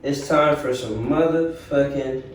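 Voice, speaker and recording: A man's voice: medium pitch, a little slow, a little hiss or hum. A man hosting a show, joking around loosely in a casual chat. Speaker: host. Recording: very echoey room, far from the mic.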